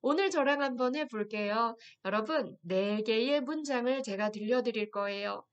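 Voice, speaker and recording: Woman instructor with a slightly high voice, gentle and direct, leads a guided affirmation lesson. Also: clean tone. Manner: gentle, addresses viewers directly, reads phrases slowly. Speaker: health program instructor.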